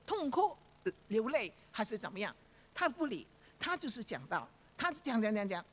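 A woman's voice: a little high, a bit bright. A woman preaching a sermon, telling a story with rhetorical questions to her listeners and frequent fillers. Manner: frequent fillers and repeated phrases.

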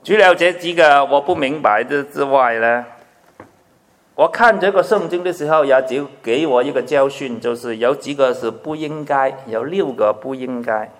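A man preaching a sermon in an animated way. He swings between loud emphasis and hushed asides, asks his listeners many questions, and drops English words into his speech. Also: medium pitch, normal speed. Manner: asks the audience frequent rhetorical questions. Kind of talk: sermon to a congregation.

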